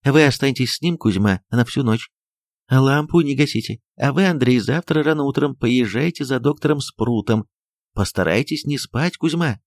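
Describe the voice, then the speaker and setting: A man reading an audiobook, voicing a frightened, agitated doctor's wife who gives commands in a raised, high voice. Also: lively intonation, moderate pace, no room sound, clean studio sound, close to an everyday voice. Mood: commanding. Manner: agitated, high-pitched, shrill cries.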